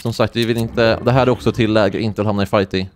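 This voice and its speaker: A young man from Sweden commentating his own gameplay live, excitable and quick to yelp when something surprises him. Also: slight background noise. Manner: excitable, swings into high-pitched yelps when surprised. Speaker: gaming streamer.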